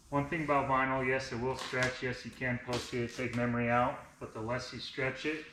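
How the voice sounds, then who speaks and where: A man in his thirties talks through a how-to in an informal, unscripted way, his speech slightly lisped by braces. His voice sits at an ordinary male pitch. It is recorded in an echoey garage workshop, with clear noise and clicks behind him. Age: 30s. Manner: informal, explains each step as he works. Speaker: vinyl wrap installer, presenter of a how-to video. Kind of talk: casual hands-on tutorial narration. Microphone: camera on a tripod, a short distance away.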